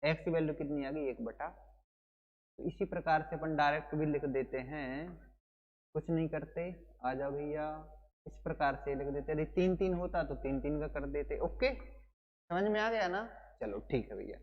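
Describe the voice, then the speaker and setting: A man's voice: on the high side, normal speed, in a large hall, highs cut off. A male teacher giving an exam coaching lesson, playful and chatty, who keeps calling his students brother and explains with wedding and party stories.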